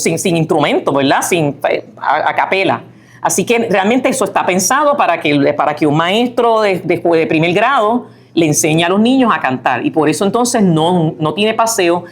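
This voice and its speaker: A woman speaks as a guest author, her voice sitting a little on the low side. She talks in a loose, lecturing way, full of restarts and little tag questions, and now and then hums or sings a line to show what she means. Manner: chatty, many fillers and restarts, tag questions; sings and hums lines of a song to illustrate. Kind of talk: lecture-style talk.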